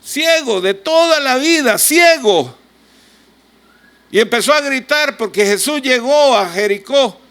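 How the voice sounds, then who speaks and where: A man with a Salvadoran accent preaching a sermon, gravelly-voiced, swinging between soft asides and loud emphatic lines as he acts out biblical voices. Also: animated, unhurried. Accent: Salvadoran Spanish. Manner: preaching with wide swings in loudness and pitch, acting out biblical voices. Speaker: pastor.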